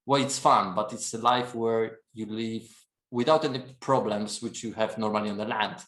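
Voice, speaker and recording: Podcast guest, Polish accent, rambling storyteller in a roomy room. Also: male voice, fairly low pitch, steady tone, moderate pace, a bit bright. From Poland. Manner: chatty, laughs often, fills with "and then" and "you know". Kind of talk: casual storytelling chat.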